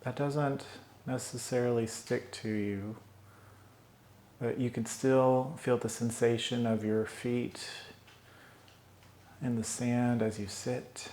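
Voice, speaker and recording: A man leading a guided meditation, giving calm, soothing breathing instructions with long pauses. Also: mid-range voice, slight background noise. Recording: roomy echo.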